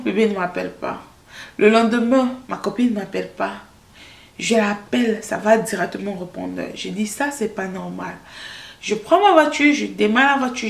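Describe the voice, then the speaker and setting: A woman vlogger telling a personal story in a casual, animated way, acting out the dialogue as she goes. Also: vocal fry, echoey room. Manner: animated, quotes dialogue with rising pitch.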